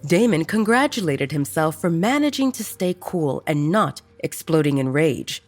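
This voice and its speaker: A woman narrating a romance audiobook in a steady, even storytelling manner. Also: deep voice, normal speed, faint music behind.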